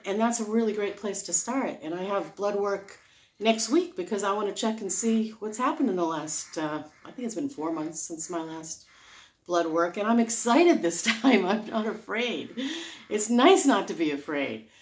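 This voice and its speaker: A woman's voice: medium pitch, lively intonation, normal speed. A woman talking casually and off the cuff, rambling into tangents as she earnestly and emphatically explains her advice. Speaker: vlogger sharing diet advice. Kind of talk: casual unscripted explanatory monologue.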